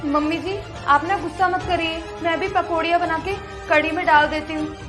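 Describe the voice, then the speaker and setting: A young woman plays a timid new bride in a home drama, soft-spoken and apologetic. Her voice sits very high, and she keeps it quiet and meek. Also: fairly even intonation, normal speed, music in the background. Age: 20s. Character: meek young new daughter-in-law, twenty-five. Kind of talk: family drama acting.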